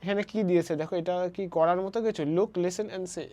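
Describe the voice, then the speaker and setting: Her voice is fairly low, steady and warm as she leads an online English lesson for primary pupils. The teacher, from Bangladesh, mixes Bangla into her English and reads example sentences slowly.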